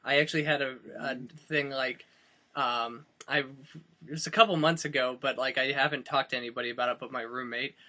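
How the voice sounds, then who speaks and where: Bright-voiced young man chatting loosely. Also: medium pitch, fairly even intonation, a little fast. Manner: rambling, many fillers and restarts. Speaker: podcast co-host. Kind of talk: casual chat. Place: friend's house.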